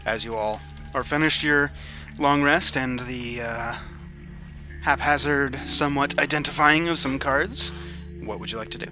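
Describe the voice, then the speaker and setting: A man's voice: mid-range voice, a little slow, bright, forceful tone, faint music behind. A man casually narrating a tabletop role-playing game as game master, describing scenes conversationally.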